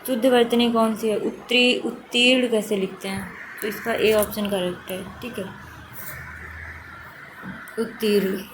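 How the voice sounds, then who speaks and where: A woman with a voice on the high side speaks at a measured pace, pausing often. As a teacher, she patiently walks through exam answers in a lesson, steadily explaining and restating the correct forms for emphasis. The recording is noisy and sounds home-made.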